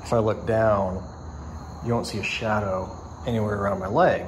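A man casually narrating his own home renovation, relaxed and rambling with frequent ums. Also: on the low side, moderate pace, noisy background. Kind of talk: casual narration over DIY footage. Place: garage under renovation.

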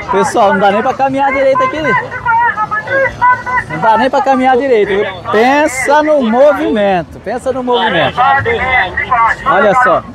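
A rough recording captures a Brazilian vlog host with a voice that sits high, walking through an outdoor street market. He gives enthusiastic, casual commentary aimed right at his viewers, with the market crowd and traffic noisy behind him.

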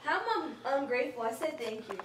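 A woman's voice: high voice, sing-song, quick pace, slight background noise. A young woman who is the target of a prank, talking curtly and with annoyance, swearing.

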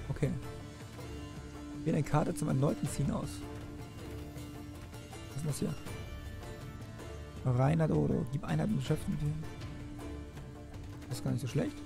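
A man's voice: fairly high pitch, creaky. A man giving casual let's play commentary and reading game texts aloud. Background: game music.

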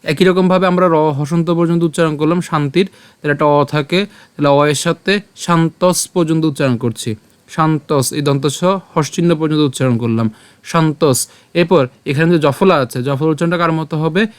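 A man with a somewhat high voice teaches a devotional lesson. He spells out Sanskrit syllables one at a time and chants the verse slowly with a tune. The recording is dry and close. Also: clean tone, dry recording. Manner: slow syllable-by-syllable pronunciation drill. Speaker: Gita teacher.

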